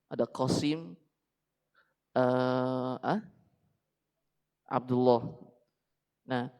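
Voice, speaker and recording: A man's voice: on the high side, rough recording. A man teaching a religious book study in a casual, chatty way, often asking his listeners questions and correcting himself aloud. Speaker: Islamic teacher.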